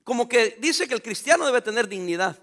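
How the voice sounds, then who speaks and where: Man, pastor, sermon, emphatic, bright sharp tone. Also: extremely high pitch, animated, brisk. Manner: emphatic preaching, rhetorical questions to the congregation.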